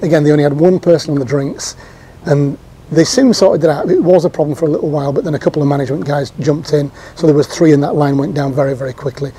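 A man's voice: fairly high pitch, fast talker, warm tone, slightly rough. A man in his fifties giving a casual, chatty recap to camera from an outdoor patio sofa, with frequent ums and restarts. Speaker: theme park vlogger.

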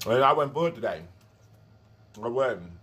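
A man's voice: medium pitch, moderate pace, a little hiss or hum. A man chatting to his viewers while eating, talking with his mouth full. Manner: chatty, animated, addresses viewers as y'all. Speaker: mukbang vlogger. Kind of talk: casual storytelling to viewers.

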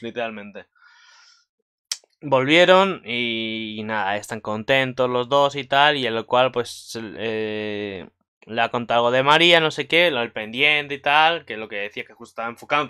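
Young dude rambling an anime recap, bright crisp voice, lots of fillers. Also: male voice, mid-range voice. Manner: rambling, filler-heavy, excitable. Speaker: anime commentary vlogger. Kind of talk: casual episode recap.

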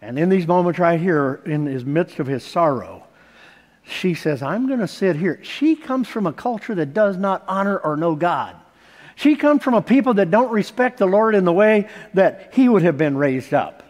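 A middle-aged man preaching on a large church stage, telling stories and building toward emphatic points. His voice sits high for a man. The hall's long reverb trails behind every phrase. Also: lively intonation, normal speed, darkish tone. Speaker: pastor. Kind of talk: sermon.

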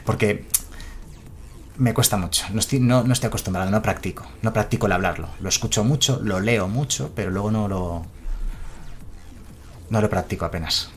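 A man's voice: fairly low pitch, normal speed, pauses often, faint music behind. A man from Spain, chatting casually on a live stream and reading out chat messages.

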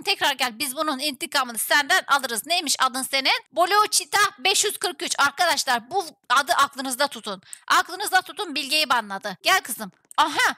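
A woman streamer giving excited commentary over an online game, urging her teammates on with rapid repeated words. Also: high voice, dry recording.

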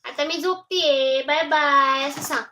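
A woman's voice: high voice, unhurried, sharp tone, a little hiss or hum. A woman, a mother, hosting a casual live stream from home, coaxing her toddler in sing-song baby talk and chatting with viewers.

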